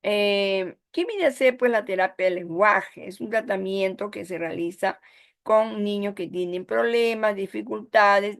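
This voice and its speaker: This course instructor, a woman with a Peruvian Spanish accent, delivers an online lecture in a creaky, fairly bright voice of medium pitch. Her style is explanatory, peppered with frequent "¿ya?" and "¿no?" checks.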